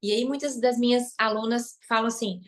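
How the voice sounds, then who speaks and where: A woman's voice: fairly high pitch, fairly even intonation, brisk. A woman with a Brazilian Portuguese accent, a relationship coach and therapist, teaching a live online masterclass. She is emphatic, repeats key phrases and tacks on tag questions.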